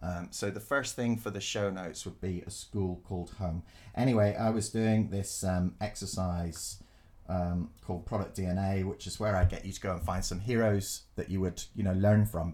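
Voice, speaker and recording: Guy on a podcast, lowish voice, tells stories, does little voices, swears and laughs a lot. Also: moderate pace. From Glasgow, Scotland. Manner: animated, acts out quotes, laughs often, swears. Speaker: podcast co-host and design teacher. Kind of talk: casual storytelling chat.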